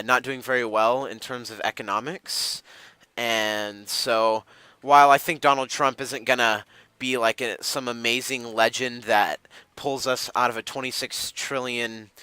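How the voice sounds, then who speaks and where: A man's voice: medium pitch, bright, forceful tone, smooth, no room sound, poor audio. A young man giving casual gameplay commentary, rambling with many fillers and restarts. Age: young adult. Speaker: gamer.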